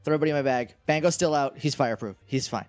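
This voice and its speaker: A man's voice: on the high side, rapid-fire, soft background music. A man playing a tabletop role-playing game, chatting casually and animatedly, often restarting his sentences. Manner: animated, self-interrupting chatter. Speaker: player.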